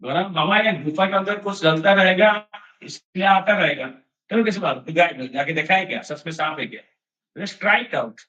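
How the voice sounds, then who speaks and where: A man delivers a devotional talk as a chatty story, slipping into English phrases now and then. His voice sits slightly high for a man. He sounds far from the mic in a roomy space, with a dull, muffled tone. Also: moderate pace, pushed and bright. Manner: conversational, mixes in English phrases and laughs. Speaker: devotional speaker. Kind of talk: storytelling sermon. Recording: echoey, distant, dull sound.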